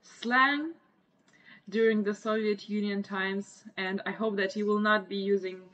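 A woman's voice: medium pitch, fairly even intonation, unhurried, fairly bright tone. A woman in her twenties from Russia with a Russian accent, hosting a casual livestream chat. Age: 20s. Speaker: livestream host. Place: small indoor room. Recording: muffled lo-fi webcam stream audio.

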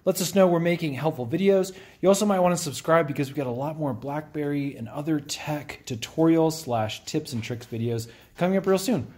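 A man's voice: fairly high pitch, fairly quick, hardly any pauses, darkish tone. A man hosting a tech tutorial, explaining step by step in a friendly, plain way while working a phone on camera.

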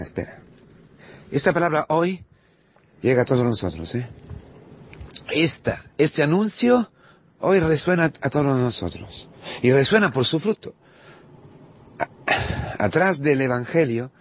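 A man's voice: mid-range voice, darkish tone, husky. A man whose first language is Italian, preaching a sermon in short, fervent phrases and acting out quoted dialogue with rhetorical questions. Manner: fervent, pausing in short phrases with frequent 'eh' fillers. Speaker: priest.

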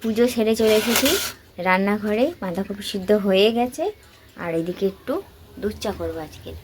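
A woman with a West Bengal accent talks to her viewers in a casual, chatty home-vlog style. Her voice sits at a medium pitch, and she often puts questions to the audience. There is faint household noise behind her. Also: normal speed. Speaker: home vlogger. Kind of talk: casual chat to viewers while doing household chores. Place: at home, mostly in the kitchen.

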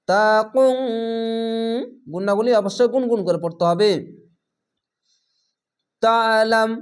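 A man teaching recitation step by step, slowly drawing out each recited word and then explaining it plainly. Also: sits high. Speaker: Quran reading teacher.

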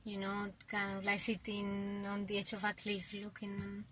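A woman's voice: mid-range voice, monotone, unhurried, a bit bright, faint music behind, poor audio. A woman co-hosting a podcast in casual chat, talking with hesitant trailing phrases and laughing easily. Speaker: podcast co-host.

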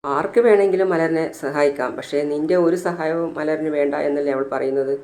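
A woman's voice: low voice, brisk, darkish tone, natural voice. A narrator voicing a scheming woman who scolds and reasons with the mother. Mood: scolding. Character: scheming young woman, impatient.

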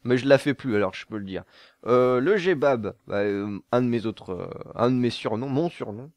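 A man's voice: mid-range voice, expressive, normal speed, darkish tone, no room sound. A young man from southern France answering viewer questions to camera in a casual, jokey way, laughing at his own jokes and stumbling over fillers.

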